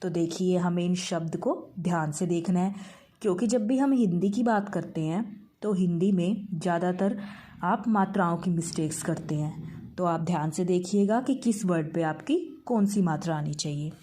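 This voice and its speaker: A woman teaching a Hindi lesson to young schoolchildren. She talks patiently, calls the pupils "beta", mixes English words into her Hindi and draws out each word slowly. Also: on the low side, warm tone. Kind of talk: online class lesson.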